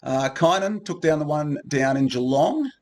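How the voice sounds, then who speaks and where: Gravelly man, casual chat. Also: a little high, normal speed. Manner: relaxed, rambling with many ums and restarts. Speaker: co-host of a gaming group video.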